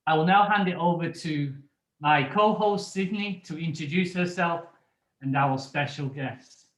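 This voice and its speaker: Male host, slightly higher voice, roomy echo. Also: measured pace.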